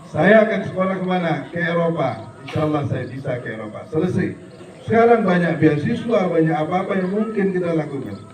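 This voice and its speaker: A middle-aged man with a slightly high voice and a darkish tone gives a comic religious lecture in a school hall. He mixes jokes and regional-dialect mimicry in quoted passages with motivational preaching that urges students to keep growing. The recording is echoey, with the voice picked up from far off.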